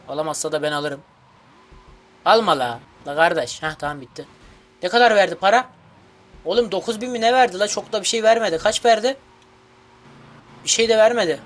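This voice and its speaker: A man giving let's play commentary as a gaming YouTuber, excitable and grumbling, cursing at the game. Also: sits high.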